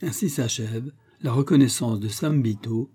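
A man narrating a classic tale in a measured, literary storybook reading. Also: mid-range voice, warm tone, slightly rough.

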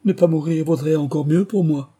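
A man's voice: mid-range voice, expressive, a little slow, mellow, breathy edge. A man voicing a terrified young man who pleads in despair, as in an audiobook. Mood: desperate. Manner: desperate and pleading. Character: panicked young man, terrified of being poisoned.

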